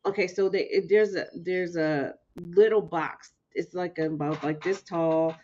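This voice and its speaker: A woman's voice: fairly low pitch, steady tone, unhurried, a little mellow. Rambling woman on a muffled call. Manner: rambling, restarts sentences often. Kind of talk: casual chat on a video call.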